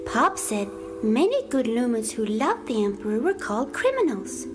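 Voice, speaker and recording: A woman voicing an earnest, tender young girl with wide-eyed, expressive storytelling in a children's audio drama. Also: fairly high pitch, moderate pace, noisy background. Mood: sad storytelling.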